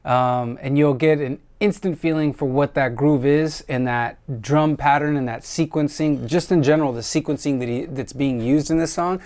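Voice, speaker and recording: Host: American man, casual music reviewer, smooth clear voice, relaxed and reflective delivery, lots of fillers. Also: on the high side, moderate pace, few pauses. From United States.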